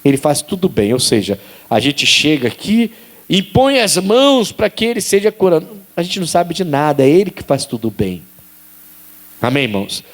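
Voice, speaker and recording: A male pastor preaching a sermon, animated, rising to sharp high exclaims and acting out dialogue. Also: moderate pace. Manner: acts out quoted dialogue.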